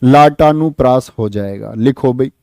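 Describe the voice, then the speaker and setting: Lively male Hindi exam-prep teacher. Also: medium pitch, unhurried, gravelly, no room sound. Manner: lively, repeats questions to students and answers them. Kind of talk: online exam-prep lesson.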